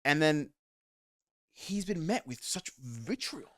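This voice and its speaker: A man from Australia co-hosting a casual podcast, rambling with restarts and slipping into animated quoted voices. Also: on the high side, takes it slowly, dry recording, clean studio sound. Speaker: podcast co-host.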